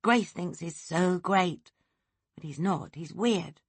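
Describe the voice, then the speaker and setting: A woman's voice: lowish voice, breathy edge, no echo, heavily acted. A woman voicing an agitated teenage girl who gabbles insistently in an audiobook. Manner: fast, breathless, insistent.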